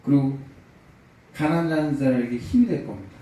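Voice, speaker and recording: A man's voice: medium pitch, expressive, normal speed, mellow, heavy reverb, far from the mic, rough recording. A male pastor preaching a sermon, telling a story with acted-out quotes and building to emphatic peaks. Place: church sanctuary.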